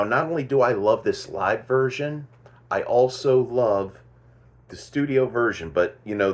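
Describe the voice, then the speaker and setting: A man with a fairly low voice talks slowly and unhurriedly, giving casual commentary as the host of his own show. He thinks aloud and often stops to correct himself.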